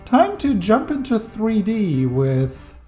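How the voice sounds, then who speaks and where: Here a thirty-year-old non-native English speaker, a game reviewer, reads a scripted video essay looking back on a game. He speaks slowly in a high, sing-song voice with a darkish tone, faint music underneath. The delivery is enthusiastic but wry, full of dry jokes.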